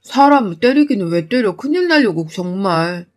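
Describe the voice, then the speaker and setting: A woman's voice: medium pitch, animated, normal speed, a little mellow, close to an everyday voice. A woman voicing an adult son and husband who pleads with his mother in an exasperated tone. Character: pleading adult son caught between wife and mother, man.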